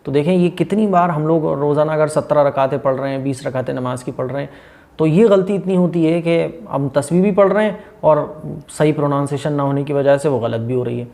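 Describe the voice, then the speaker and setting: Hyderabadi urdu guy teaching how to say prayers right, kinda high voice, drags out the words slow when he demos them. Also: warm tone. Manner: slow, drawn-out model recitations between explanations. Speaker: Islamic teacher. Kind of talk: religious lesson on prayer pronunciation.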